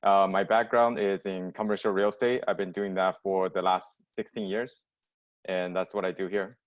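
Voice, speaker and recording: A man's voice: deep voice, little pitch movement, moderate pace. A man from Taiwan in commercial real estate, giving a plain, to-the-point introduction on a webinar. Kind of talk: brief self-introduction on a webinar. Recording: dull lo-fi video call audio.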